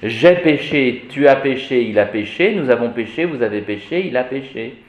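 A man teaching Latin in a classroom lecture, animated and fond of vivid examples, often checking that his listeners follow. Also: mid-range voice, moderate pace, reverberant, muffled recording. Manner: animated, repeats "vous voyez", vivid examples.

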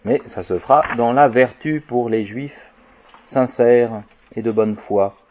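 A man giving an informal lecture in a halting way, with restarts, filler tags and wry asides. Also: mid-range voice, a little hiss or hum. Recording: dull lo-fi recording.

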